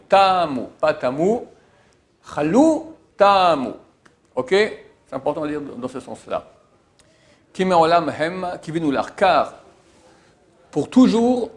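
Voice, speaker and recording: Rabbi translating prayer slowly. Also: male voice, a little high. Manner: translates Hebrew phrase by phrase, stressing key words. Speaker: rabbi teaching prayer laws. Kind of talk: religious lesson, line-by-line translation.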